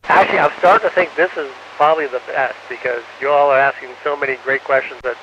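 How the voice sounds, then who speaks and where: A man speaks from orbit over a radio downlink that breaks up, with a dull, narrow sound and faint hiss behind him. His voice is bright and forward. He answers haltingly, with frequent "uh"s, and closes each turn with "over.". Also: mid-range voice. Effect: radio downlink from space, muffled and breaking up. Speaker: astronaut answering students. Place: on board the space station. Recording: muffled radio link with faint static.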